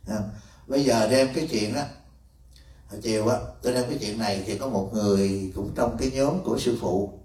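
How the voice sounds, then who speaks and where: A man's voice: lowish voice, fairly quick, a little mellow. A man, a monk, teaching disciples in a folksy, teasing way and acting out little dialogues. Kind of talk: dharma talk to disciples. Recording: echoey room from far off.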